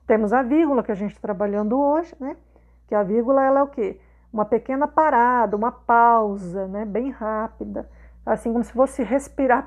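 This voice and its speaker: A woman's voice: on the high side, a little mellow. A Brazilian woman teacher walking students through a worksheet in a video lesson, patient and repeating her questions with frequent checks for understanding. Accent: Brazilian Portuguese, not southern.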